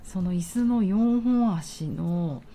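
A woman leading a guided grounding meditation, speaking slowly and soothingly with pauses as an exercise guide. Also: mid-range voice, warm tone, soft background music. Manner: slow, pausing, soothing delivery.

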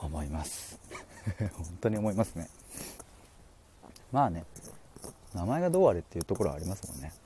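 A man hosting a casual livestream, reading out listener comments and chatting in an animated way with frequent laughs. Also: a little hiss or hum. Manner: chatty and animated, laughing often, with quick pitch jumps. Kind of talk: casual solo livestream chat.

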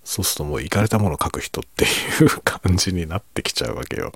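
A middle-aged man in a quiet, rambling, self-deprecating late-night monologue meant for falling asleep, in a hushed voice that often drops toward a whisper. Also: sits low, quick pace, vocal fry, breathy edge, no echo. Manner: self-deprecating, rambling, chuckling under his breath. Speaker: fiction writer chatting to listeners.

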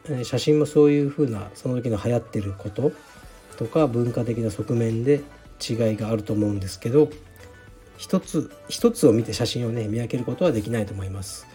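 A man from Fukuoka hosting his own podcast, answering listener letters in a relaxed, frank, offhand way, with many fillers. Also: mid-range voice, a little fast, faint music behind. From Fukuoka, Japan. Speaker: podcast host, jiu-jitsu gym founder. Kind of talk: casual solo talk answering listener letters.

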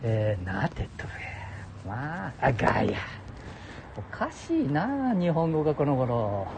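Gruff older man, heavy ramble. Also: a little high, wildly swooping pitch, takes it slowly, heavy background noise. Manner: gruff, jokey, talks to listeners as "お前". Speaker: solo audio show host. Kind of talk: rambling casual monologue. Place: outdoors beside a public toilet.

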